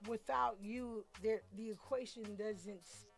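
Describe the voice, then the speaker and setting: A woman caller in a voice note, speaking earnestly and haltingly, with conviction. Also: a little high, fairly even intonation, vocal fry. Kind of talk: voice note to a talk show. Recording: music playing underneath.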